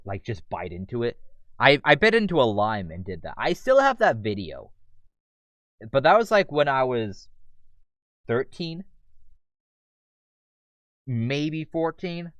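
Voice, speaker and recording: Casual male game streamer, very lively pitch, dry close mic. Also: clear, resonant tone, dry recording, dull audio. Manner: chatty, rambling, lots of "like". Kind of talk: casual let's-play commentary.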